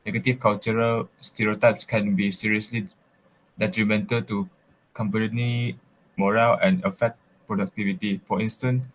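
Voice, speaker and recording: A man's voice: on the low side, level tone, moderate pace, a little hiss or hum, poor audio. A man answering interview questions by reading prepared, formal responses.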